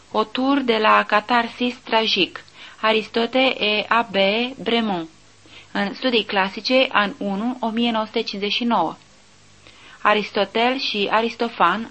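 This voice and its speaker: A woman narrating a nonfiction audiobook, reading reference lists in a slow, measured way. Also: mid-range voice, fairly bright tone, poor audio. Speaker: audiobook reader.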